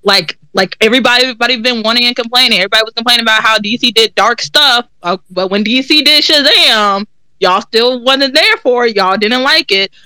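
Eager woman, bright and smooth. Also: fairly high pitch, a little fast, no room sound. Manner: eager, heavy use of "like" and "um". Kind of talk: casual group chat.

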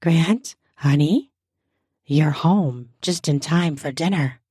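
Woman reading a husky seductive wife for an erotic story, soft purr, dark and dry. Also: low-pitched, takes it slowly, dry recording, pitched below the performer's own voice, heavily acted. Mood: sultry. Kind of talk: read-aloud erotica.

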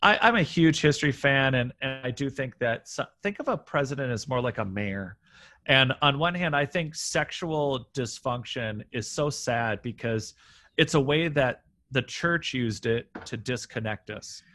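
A man chatting as a guest on a podcast, talking in a loose, animated ramble. He restarts his sentences often and jumps from one idea to the next. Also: mid-range voice, a little slow. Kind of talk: casual podcast chat. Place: room near a railway line.

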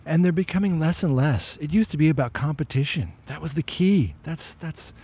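A man's voice: a little high, expressive, normal speed, warm tone, slightly rough. A man hosting a casual walk-and-talk podcast outdoors, talking in an opinionated, conversational way and often repeating words as he restarts. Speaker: podcast host.

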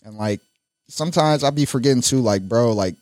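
A man's voice: medium pitch, a little fast, a little mellow, dry recording, studio quality. A man co-hosting a casual sports podcast, talking in slangy bro speak with frequent swearing. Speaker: podcast co-host.

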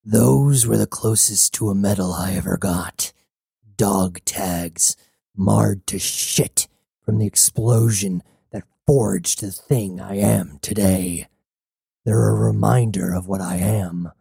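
A man voicing a hulking male cyborg captain, a menacing former mercenary with a gravelly, growling voice. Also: fairly low pitch, steady tone, mellow, no echo, clean studio sound, full character voice. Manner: slow, grim and threatening. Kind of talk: audiobook character voice.

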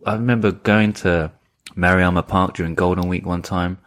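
A man in casual conversation, relaxed and chatty as he trades stories with a friend. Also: low voice, moderate pace. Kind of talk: casual chat.

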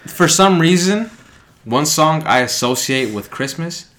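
A man's voice: a little high, expressive, unhurried, fairly bright tone. A young man co-hosting a podcast, chatting casually in slangy, laid-back bro talk. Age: young adult. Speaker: podcast co-host. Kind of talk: casual chat.

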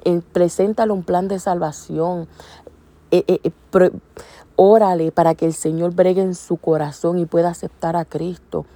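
A woman preaching in an earnest, exhorting way, circling back to repeat her points. Her voice sits fairly low and sounds mellow and warm. The recording is close and dry. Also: steady tone, normal speed, dry recording. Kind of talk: informal sermon on prayer.

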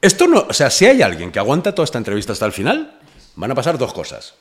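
Man, podcast guest, animated storyteller, wildly swinging pitch. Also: fast. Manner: loud, animated storyteller with swearing and laughs. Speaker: rapper guest. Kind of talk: casual podcast interview.

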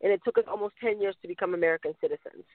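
A man from Mexico speaks earnestly as an interview guest, circling back to rephrase his points. His voice sits high. The sound is thin and phone-like, with no room echo. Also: very fast. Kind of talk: conversational interview answers. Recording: dry, phone-like line.

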